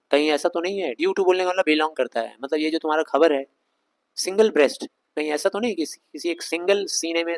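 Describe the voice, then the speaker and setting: A man teaching a Shakespeare scene line by line, reading the English slowly in an Indian accent and explaining it in conversational Hindi with rhetorical questions. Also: fairly high pitch, rough recording. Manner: reads English lines slowly, explains them fast in Hindi.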